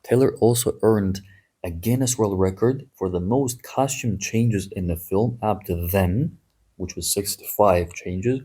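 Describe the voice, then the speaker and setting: Man, podcast host, low husky voice, mellow tone, chatty and digressive. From Greece. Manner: chatty, digressive, wry asides. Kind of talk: casual history podcast talk.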